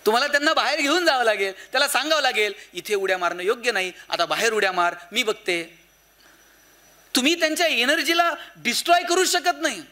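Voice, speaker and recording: A man giving an animated public lecture to parents and teachers in an auditorium, firing rhetorical questions at the audience. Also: very high voice. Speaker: motivational speaker addressing parents and teachers.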